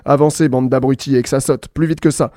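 A man's voice: mid-range voice, fairly even intonation, fast, warm tone, no room sound, studio quality, close to an everyday voice. A man voicing an impatient, bossy exclamation mark in a read-aloud storybook, barking curt orders.

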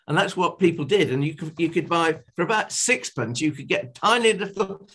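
An older man speaks with a British accent in a somewhat high-pitched voice. He chats casually, with the emphatic delivery of a keen plant enthusiast. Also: animated, brisk, a bit bright, husky. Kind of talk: casual conversation about gardening.

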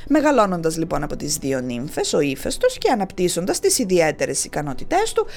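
A woman's voice: on the low side, huge pitch swings, darkish tone, soft background music. A woman telling comic myths in a chatty, folksy way, talking straight to listeners. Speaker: storyteller. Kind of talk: comic mythology storytelling.

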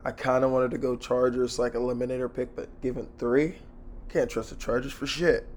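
A hoarse man hosting a casual sports betting podcast by himself, talking in a blunt, slangy, sweary way. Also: mid-range voice, level tone, fairly quick, a little mellow, a little hiss or hum.

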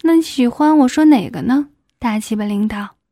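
A woman voicing a shy married schoolteacher in an adult audiobook, speaking in a breathy voice that often drops to a whisper. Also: on the high side, normal speed, mellow, no room sound, studio quality. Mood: breathy aroused.

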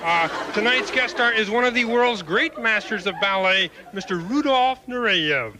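A man's voice: high-pitched, lively intonation, a little slow, sharp tone, some chatter behind, full character voice. A man voicing a polite, flustered frog puppet who hosts a TV comedy variety show and speaks hesitantly. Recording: noisy old TV soundtrack with audience.

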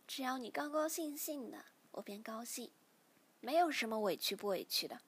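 A woman voicing a gentle young wife speaking softly to her husband in a read-aloud novel. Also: fairly high pitch, animated, normal speed, husky. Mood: tender. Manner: soft, tender.

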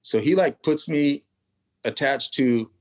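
A man's voice: mid-range voice, takes it slowly. A man from California, a tattoo artist guest telling a long story in casual, rambling fashion full of street slang and asides.

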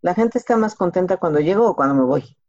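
This animated, fast-talking woman has a lowish, warm voice and a Mexican accent. Appearing as a podcast guest, she gives career advice casually and colloquially, full of examples and rhetorical questions. The recording comes across slightly dull and lo-fi.

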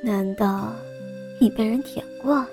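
A woman's voice: takes it slowly, mellow, faint music behind. A woman doing a sly, whispery young scholar. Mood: teasing. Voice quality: low, breathy, half-whispered. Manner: sly and teasing. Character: teasing young male scholar, low and coaxing. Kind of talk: storybook role-play.

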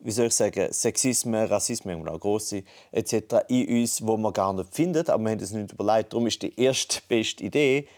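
A man's voice: fairly low pitch, fairly quick, hardly any pauses, a little mellow. Man musing over a phone line. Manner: thinks aloud, many restarts and fillers. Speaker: podcast co-host. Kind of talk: casual conversation. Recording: phone call.

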